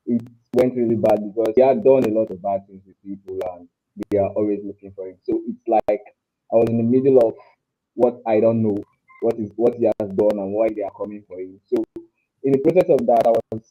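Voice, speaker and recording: A man's voice: on the low side, lo-fi sound. A young man from Africa talking earnestly on a remote panel through a headset mic, his audio fuzzy with clipping distortion. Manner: earnest, halting, repeats his words. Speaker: panel guest. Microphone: headset mic on a call.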